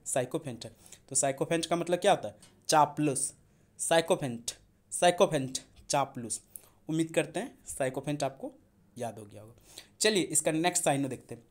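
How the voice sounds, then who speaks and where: A man's voice: on the high side, a little mellow. A man teaching a vocabulary lesson for exam prep. He chants each word several times in a row and asks his students questions that he then answers himself.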